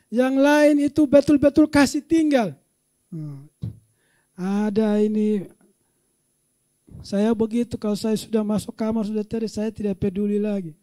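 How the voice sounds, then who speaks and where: A male pastor preaching a sermon with animated delivery, rising to loud shouts and laughing often, dropping low for quiet asides.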